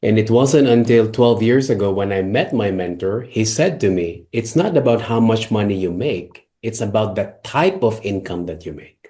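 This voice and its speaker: A man from the Philippines, a guest telling his own story in a measured way. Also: lowish voice, animated, warm tone.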